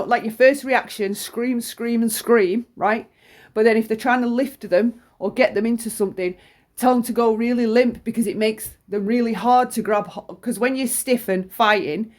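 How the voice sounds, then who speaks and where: A middle-aged woman, chesty with flu, gives an informal, opinionated monologue in a blunt, sweary, emphatic way, often repeating herself. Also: on the high side. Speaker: true-crime commentator.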